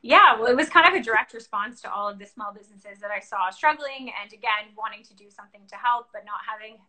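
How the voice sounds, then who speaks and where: Sex: woman. Role: lively interview guest. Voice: bright. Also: fairly high pitch, fast talker, poor audio. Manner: lively, enthusiastic. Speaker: guest entrepreneur. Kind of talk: casual interview.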